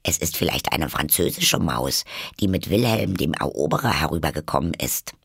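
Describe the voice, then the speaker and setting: A man's voice: extremely low pitch, expressive, normal speed, creaky, fairly bright tone, breathy edge, no room sound, studio quality, full character voice. A man voicing an eager, polite little girl in a storybook reading, chattering anxiously and apologizing.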